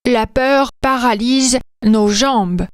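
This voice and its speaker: A woman voicing a nervous, gentle male moose in a storybook tale, speaking slowly and earnestly. She reads in a dry, close room. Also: on the high side, no echo. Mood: worried.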